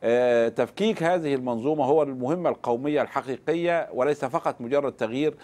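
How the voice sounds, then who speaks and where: A man from Egypt, a newspaper editor, answering in a formal, measured way with hesitant fillers during a live interview. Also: mid-range voice, a little mellow. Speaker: newspaper editor, studio guest.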